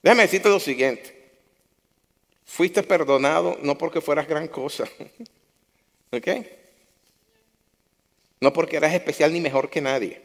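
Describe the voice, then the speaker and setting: A man's voice: on the high side, measured pace, long pauses. A man preaching a sermon to his congregation, impassioned, repeating phrases for emphasis. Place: church hall. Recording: long hall reverb.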